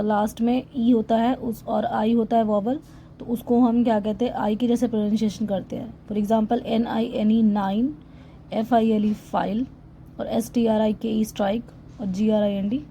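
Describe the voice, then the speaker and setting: A woman's voice: fairly high pitch, dark tone, slight background noise, poor audio. A woman teaching English pronunciation in a lesson voice-over, spelling words letter by letter and then sounding them out.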